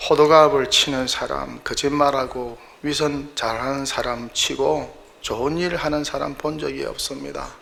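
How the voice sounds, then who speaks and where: A man's voice: mid-range voice, creaky, a bit bright, slight background noise. A male pastor preaching a sermon in a church, emphatic and full of rhetorical questions.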